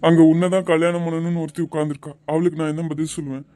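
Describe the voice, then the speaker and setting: A man's voice: fairly high pitch, flat delivery, racing, mellow, faint music behind, close to an everyday voice. A man voicing a strict, proud father who scolds his son harshly, for a cartoon. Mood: angry.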